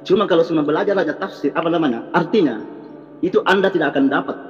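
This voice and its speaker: A man's voice: on the high side, fast, long reverb tail, muffled recording, soft background music. A preacher arguing insistently in a heated debate, repeating his points. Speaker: Islamic preacher.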